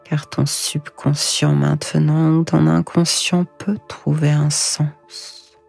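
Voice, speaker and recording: A woman guiding sleep hypnosis in a hushed, breathy, soothing voice, slow and whispered right in the listener's ear. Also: low voice, little pitch movement. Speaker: hypnosis guide. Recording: echoing voice over music. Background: music.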